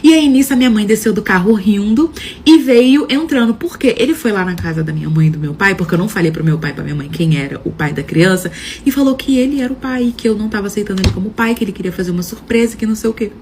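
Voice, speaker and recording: Young woman, rapid chatty storyteller, dramatic quoted dialogue, faint background noise. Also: mid-range voice, animated, darkish tone. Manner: frequent filler "não sei o quê". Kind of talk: casual first-person storytelling.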